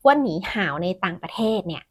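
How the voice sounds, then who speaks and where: A woman's voice: fairly low pitch, very animated, quick pace, husky. A woman hosting a casual vlog chat, earnestly explaining her views at length. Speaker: vlog host.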